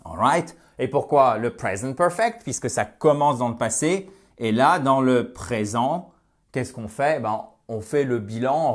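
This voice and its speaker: A man teaching a language lesson in a lively, explanatory way, slowing down to stress his example sentences and checking in often with the viewer. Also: mid-range voice. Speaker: English teacher.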